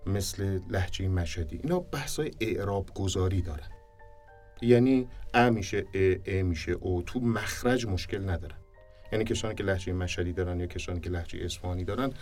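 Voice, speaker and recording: A lowish male voice explains diction in an interview, firm and emphatic, coming back to his points again and again. He sounds set back from the microphone. Soft music plays faintly underneath. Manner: emphatic, repeats points for stress. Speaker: speech and diction teacher. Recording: distant mic with faint music behind.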